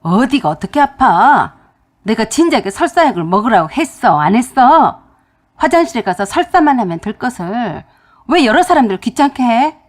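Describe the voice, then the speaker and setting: A woman's voice: on the high side, very animated, normal speed. A woman voicing a callous middle-aged brother-in-law with an annoyed, dismissive tone in a story radio drama. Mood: irritated.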